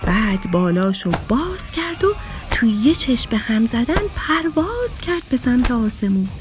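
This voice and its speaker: Casting: woman storyteller for kids, slightly high, very lively voice, music underneath. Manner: warm, affectionate sign-off to kids. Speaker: children's storyteller. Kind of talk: storybook narration for children.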